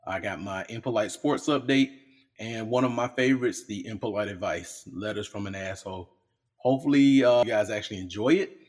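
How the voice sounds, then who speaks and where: A man's voice: lowish voice, brisk. A man hosting his own podcast in a home studio, talking casually in a blunt, profane, joking way. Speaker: podcast host. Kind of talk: casual solo podcast talk.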